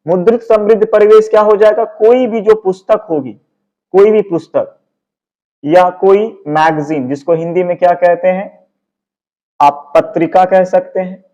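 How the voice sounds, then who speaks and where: A male teacher with a Bihari Hindi accent explains exam answers in a high, steady voice with a dark tone and a measured pace; the audio sounds dull. He poses questions and then answers them himself.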